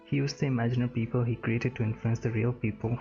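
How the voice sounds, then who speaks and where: An actress playing a blunt, protective companion in a video game, indignant and excitable. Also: female voice, rumbling low, quick pace, dull audio, loud music behind the voice.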